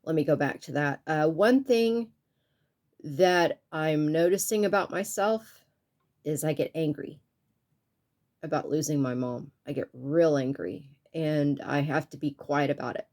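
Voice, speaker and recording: A YouTube art channel creator with a notably low voice addresses her viewers directly in a personal vlog. She sounds earnest, soft-spoken and tearful, her sinuses stuffy, and she speaks haltingly with many pauses and restarts.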